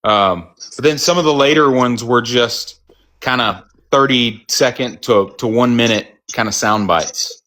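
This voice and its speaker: A man's voice: mid-range voice, measured pace, fairly bright tone. A man from Texas with a mild Texan accent, hosting a casual group chat and telling rambling stories. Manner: rambling, storytelling with restarts.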